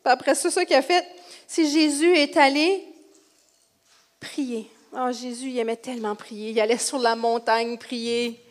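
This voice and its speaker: A woman with a Quebec French accent playing the grieving, gentle mother of Jesus, telling her story softly and hesitantly. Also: sits high, steady tone, measured pace. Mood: sad, gentle. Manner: soft, hesitant storytelling with fillers.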